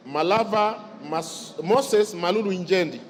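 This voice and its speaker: A man's voice: high-pitched, a little slow. A man acting as a parliamentary clerk, formally reading out a roll of constituencies and names. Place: large parliamentary chamber. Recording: reverberant hall, murmuring crowd. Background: crowd.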